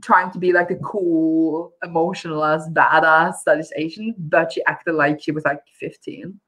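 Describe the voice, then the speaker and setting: A woman's voice: low voice, fairly even intonation, measured pace, fairly bright tone, low-quality recording. A woman co-hosting a book club, chatting casually and hesitantly, with frequent restarts and filler words.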